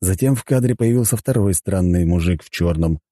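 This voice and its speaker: A man's voice: low voice, a little fast, dark tone, dry recording. A man narrating an audiobook in first person in a wry, conversational way, close to the mic.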